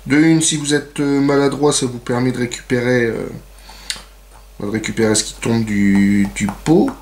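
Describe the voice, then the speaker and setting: A man's voice: medium pitch, normal speed, darkish tone. Chatty man demoing a craft tutorial. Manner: chatty, many fillers and "donc"; playful self-mocking asides. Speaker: nail art tutorial host. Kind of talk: casual how-to demonstration.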